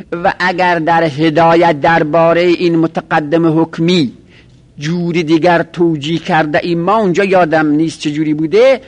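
A man teaching a grammar class, explaining step by step and repeating each example in a list. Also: a little high. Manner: methodical, repeats examples in lists. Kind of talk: classroom lecture.

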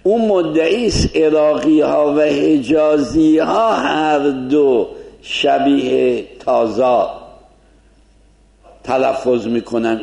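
A man's voice: a little high, creaky, a little mellow. A man giving an informal lecture to a class, explaining conversationally and asking rhetorical questions.

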